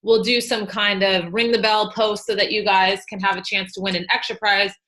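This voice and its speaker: A young woman hosting a team call, reading out shout-outs and announcements in an enthusiastic, chatty, cheerleading way with frequent fillers. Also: medium pitch, level tone, moderate pace. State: newly pregnant and feeling sick.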